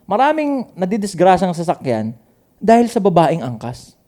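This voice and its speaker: A man co-hosting a podcast, cursing often and talking in a lively, animated way. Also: high-pitched, moderate pace. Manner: swears a lot, animated. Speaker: podcast co-host. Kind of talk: casual chat.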